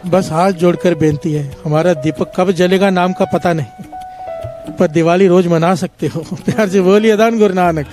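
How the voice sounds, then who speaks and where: A man with a high-pitched voice preaches a devotional sermon, telling simple parables to the congregation. He keeps stopping to lead a call-and-response chant. Soft music sits faintly in the background. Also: steady tone, unhurried. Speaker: satsang preacher.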